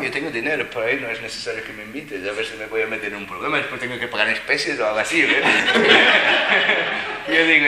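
Animated man telling stories. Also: medium pitch. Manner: animated, laughing, playful voices when quoting. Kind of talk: storytelling to a live audience. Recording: echoey room, faint noise.

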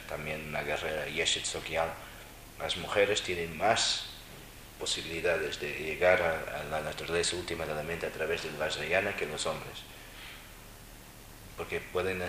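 A man's voice: deep voice, noisy background. A man giving a Buddhist dharma talk, teaching with wry, mocking asides. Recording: roomy echo with faint ambience.

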